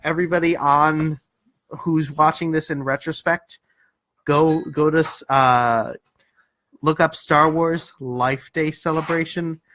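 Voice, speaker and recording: A man's voice: a little high, steady tone, takes it slowly, fairly bright tone, poor audio. A young man co-hosting a casual podcast chat, joking and theatrical. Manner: jokey, theatrical. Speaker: podcast co-host.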